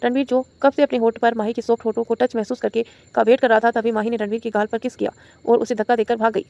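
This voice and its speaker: A woman reading a romantic audio novel aloud as the channel's storyteller, in a brisk, steady voice. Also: on the high side, creaky, no room sound, muffled recording.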